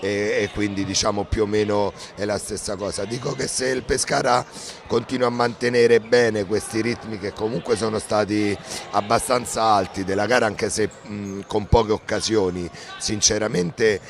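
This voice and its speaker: Creaky-voiced man giving match analysis. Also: lowish voice, steady tone, a little hiss or hum. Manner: hesitant, measured phrasing. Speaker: coach as co-commentator.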